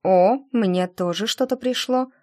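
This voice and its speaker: A woman voicing an excitable young female friend who talks loudly and eagerly. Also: mid-range voice, natural voice. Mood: excited. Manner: loud, eager, quick to cheer up.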